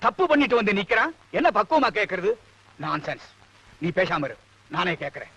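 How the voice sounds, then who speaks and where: A middle-aged actor playing a strict, blustering army-major father who barks gruff English curses. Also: high-pitched, big pitch swings, fairly quick, sharp tone, heavily acted, poor audio. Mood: stern.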